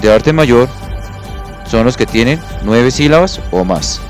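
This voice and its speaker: A man's voice: medium pitch, lively intonation, takes it slowly, soft background music. A man teaching a classroom lesson, patient, counting syllables aloud and checking that students follow.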